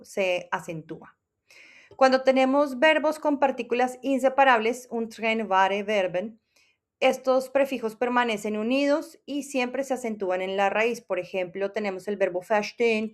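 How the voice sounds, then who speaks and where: A woman giving a scripted German lesson, explaining grammar in a clear teaching tone and slowing down to pronounce example sentences carefully. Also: fairly high pitch.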